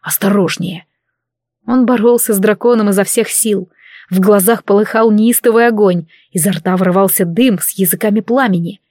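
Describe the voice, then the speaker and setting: A woman's voice: medium pitch, fairly even intonation, a little fast, darkish tone, no room sound. Woman narrating a fantasy audiobook, dry.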